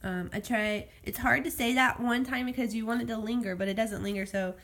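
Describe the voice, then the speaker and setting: Creaky-voiced woman chatting through a phonics lesson. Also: fairly high pitch, steady tone, fairly quick, a bit bright. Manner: chatty and rambling, demonstrating letter sounds. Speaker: homeschool teacher. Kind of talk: casual phonics tutorial. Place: at home.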